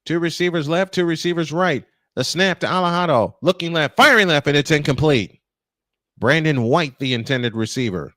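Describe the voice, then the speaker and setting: Excitable man calling football play-by-play. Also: on the high side, no echo. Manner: rising excitement on big plays, quick self-corrections. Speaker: play-by-play announcer. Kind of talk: play-by-play commentary.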